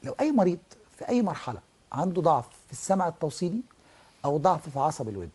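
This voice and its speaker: A man's voice: fairly high pitch, sing-song, rapid-fire, darkish tone, husky. A middle-aged man with an Egyptian Arabic accent, an ear, nose and throat professor who explains as a guest on a television health talk and acts out examples. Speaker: ENT professor and guest doctor.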